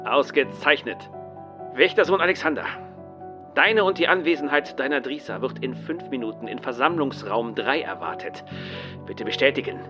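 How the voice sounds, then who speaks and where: An actor playing a male dispatcher heard through a tinny intercom loudspeaker, giving formal, curt commands. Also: mid-range voice, animated, moderate pace. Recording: muffled lo-fi speaker sound, music behind.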